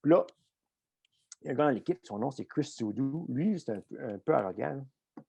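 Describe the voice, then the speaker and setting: Animated Québécois man telling a story. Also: mid-range voice, fairly quick, vocal fry, slightly rough, no echo. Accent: Québécois French. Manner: animated anecdote with frequent fillers and swearing. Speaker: guest coach and former Olympian. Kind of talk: casual storytelling in a podcast interview.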